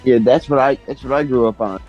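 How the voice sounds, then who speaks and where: A man's voice: mid-range voice, quick pace, muffled recording, faint music behind. A man chatting casually as a commentator on a video game playthrough. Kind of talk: casual gaming chat.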